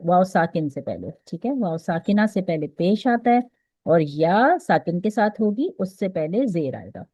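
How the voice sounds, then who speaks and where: A woman's voice: mid-range voice, dry recording, highs cut off. A woman with a Pakistani Urdu accent teaching an online Quran recitation class, explaining step by step and often checking that her students follow. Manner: patient, explains step by step with frequent "theek hai?" checks.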